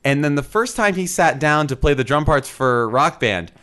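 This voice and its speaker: A man in his thirties co-hosting a podcast in casual chat, animated and quick to slip into playful voices. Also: on the high side. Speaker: podcast co-host.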